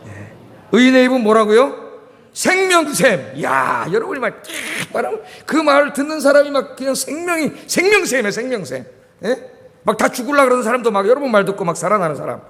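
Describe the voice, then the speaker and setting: A man's voice: very high voice, very animated, fairly quick, fairly bright tone. A middle-aged male pastor from Korea preaching a sermon, asking the congregation questions and repeating key words. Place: church sanctuary. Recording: reverberant church hall.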